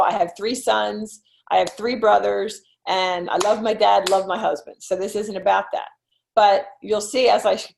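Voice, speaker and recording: A middle-aged real estate coach with a Philadelphia accent gives a chatty online webinar presentation in a gravelly, mid-range voice. Her talk is full of fillers and "okay?" check-ins.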